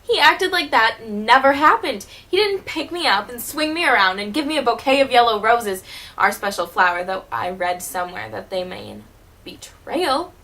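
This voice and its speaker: A woman playing a wounded, wry teenage girl who was once a child stage performer, delivering a dramatic monologue in a bitter, halting way. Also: a little high, lively intonation, pushed and bright, low-quality recording. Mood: hurt, bitter. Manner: bitter, hurt, halting with repeated words.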